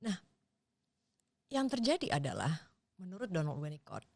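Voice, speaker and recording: Woman guest on a podcast, lowish voice, dry close mic, explains stuff step by step. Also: sing-song, normal speed, vocal fry, a little mellow, dry recording. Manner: thoughtful, explains ideas step by step with examples. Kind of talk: explanatory casual conversation.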